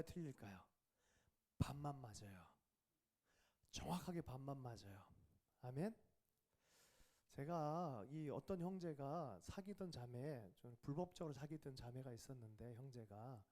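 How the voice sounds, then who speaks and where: A man preaching a revival sermon with a warm, relaxed tone. His pitch rises and falls with great animation. He keeps asking the congregation questions and sometimes drops to a whisper for a quiet aside. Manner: questions the congregation and asks for replies. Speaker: pastor.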